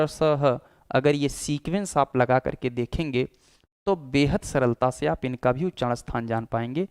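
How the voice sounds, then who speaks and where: A male teacher giving a lecture. His voice is smooth and resonant, close to the mic. The recording is dry, with no room echo. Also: a little high. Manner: explanatory, demonstrates sounds aloud. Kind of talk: classroom lecture.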